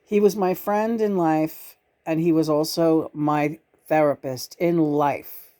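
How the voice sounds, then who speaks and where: A woman from New York City hosting a casual, reflective channeling chat, with halting, deliberate phrasing. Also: deep voice, fairly even intonation, warm tone. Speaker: host and channeler.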